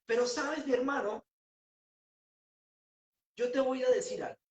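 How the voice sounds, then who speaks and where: Impassioned high-voiced woman preaching. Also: fairly even intonation, a little slow, roomy sound. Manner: impassioned, rising to shouts on key phrases. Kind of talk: sermon.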